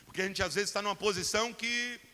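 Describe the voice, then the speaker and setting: A man in his forties preaches a sermon in a church, his voice sitting a little high for a man. He acts out the people in his stories with lively swings of pitch, and a long reverb rings through the hall behind him. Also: quick pace. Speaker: guest pastor. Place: church sanctuary.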